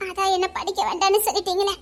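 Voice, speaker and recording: Homemade drama role: a sulky, reproachful pregnant young wife with a Tirunelveli accent, very high and girlish, played by a woman. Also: flat delivery, rapid-fire. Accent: Tirunelveli Tamil. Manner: sulky, reproachful, half-laughing.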